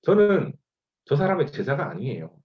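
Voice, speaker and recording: A man's voice: mid-range voice, huge pitch swings, normal speed, echoey room, far from the mic. A man quoting a frightened grown male disciple as he retells a story in a sermon, over a dull lo-fi online call. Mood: denying. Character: frightened apostle Peter, grown man, denying then remorseful.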